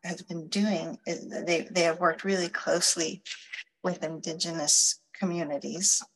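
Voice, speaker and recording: A middle-aged woman from Chile, a law professor, answering interview questions thoughtfully, pausing to find her words. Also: on the low side, steady tone, low-quality recording.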